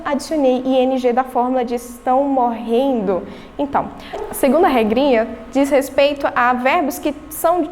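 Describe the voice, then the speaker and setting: A woman's voice: sits high, big-room sound. A woman with a Brazilian Portuguese accent, an English teacher giving a recorded remote lesson, explaining step by step and answering her own questions.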